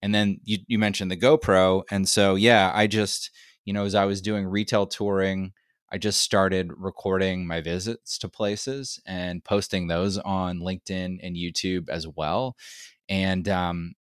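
A low-voiced man with a rough, gravelly whiskey tone, a bit hoarse from a lot of talking. He speaks conversationally as an interview guest, wandering through his points. The sound is close and dry. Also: little pitch movement, unhurried, dry recording. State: slightly hoarse from much talking. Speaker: podcast guest, retail research lead. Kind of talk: casual interview talk.

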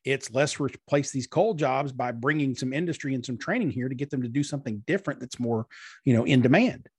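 Husky-voiced man explaining. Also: mid-range voice, a little fast, dry recording, studio quality. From eastern Kentucky, USA. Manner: earnest, explanatory, with frequent fillers. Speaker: guest, marketing strategist. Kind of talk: conversational interview.

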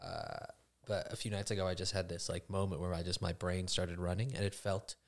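Male podcast host, low pitch, thoughtful and loose conversational delivery. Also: level tone, creaky. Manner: reflective, halting, many "like" and restarts. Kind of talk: casual conversation.

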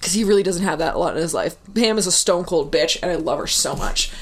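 A woman's voice: lowish voice, expressive, quick pace. A woman co-hosting a podcast in casual chat, gushing and swearing, with many "like"s and "um"s and frequent laughs. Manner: laughing often, lots of "like" and "um"; gushing, profane. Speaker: podcast co-host.

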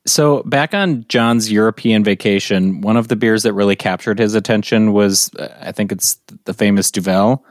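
A man interviewing a guest, asking halting questions with restarts. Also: fairly low pitch, dry recording, studio quality.

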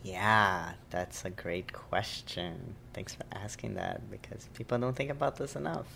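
Low, gravelly man. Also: a little slow, pushed and bright, a little hiss or hum. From Brazil. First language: Portuguese. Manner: thoughtful, searching for words, laughs lightly. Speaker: oral history interviewee. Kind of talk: reflective personal interview.

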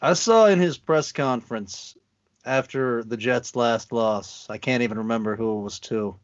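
A man's voice: mid-range voice, moderate pace, highs cut off. A man co-hosting a podcast, chatting casually about football, laid-back and laughing easily, with frequent restarts. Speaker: podcast co-host. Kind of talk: casual sports chat.

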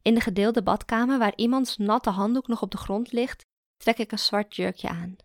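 Woman reading a story in first person, calm, gravelly voice, dry close sound. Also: fairly high pitch, normal speed, no room sound. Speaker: audiobook narrator.

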